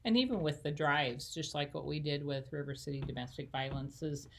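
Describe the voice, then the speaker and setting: A woman's voice: low-pitched, a little fast, slight background noise. A woman who coordinates church missions, chatting casually with many fillers and easy laughter. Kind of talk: casual chat.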